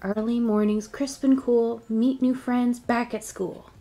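In a library room with bookshelves, a young adult children's librarian reads picture books aloud, addressing the kids directly and encouraging them. Her voice is on the high side, steady, mellow, and a little slow, with slight background noise.

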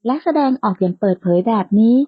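A woman voicing a polite, soft-spoken young woman, in a lightly lo-fi, dry recording. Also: mid-range voice, fast, breathy edge, no room sound, close to an everyday voice.

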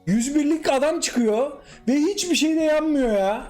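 Turkish guy yelling at his football game, super high voice, keeps repeating stuff, little music in the back. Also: normal speed. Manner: animated, exclaims and repeats short cries at the screen. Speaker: gaming YouTuber. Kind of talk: excited live gameplay commentary.

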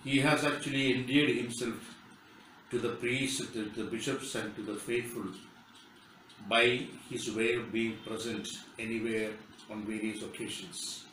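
A man's voice: medium pitch, steady tone, measured pace, fairly bright tone. An older man with an Indian accent giving a formal spoken tribute as a bishop. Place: indoor room, seated. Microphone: phone camera across the room. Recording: very echoey, distant mic, faint noise.

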